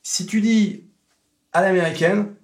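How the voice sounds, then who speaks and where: French-native male tutor, a touch high-pitched, relaxed lesson delivery, drills sounds by repetition. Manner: demonstrates sounds slowly and repeats them. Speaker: English pronunciation teacher. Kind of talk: casual spoken lesson.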